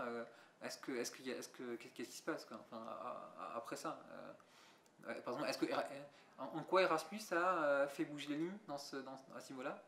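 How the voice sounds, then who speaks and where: Recorded in an echoey museum gallery with a bit of background noise, a young visual artist reflects on interview questions, restarting often and leaning on fillers. He has a mid-range, fairly bright voice.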